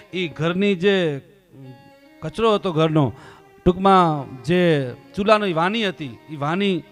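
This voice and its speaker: Man, devotional storyteller, fairly high voice, faint music under him, acts out the characters, quiet to loud. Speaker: religious storyteller.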